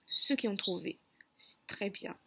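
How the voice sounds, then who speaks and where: A woman teacher giving a children's phonics lesson, speaking slowly and clearly and stretching out words for listening games. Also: medium pitch, sharp tone.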